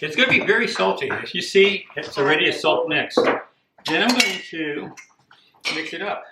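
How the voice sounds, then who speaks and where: An older man from Costa Rica giving a plain, unhurried home cooking demonstration, repeating himself now and then. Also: sits high, lively intonation. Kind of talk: casual home cooking demo. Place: echoey home kitchen. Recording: echoey kitchen with clear background noise.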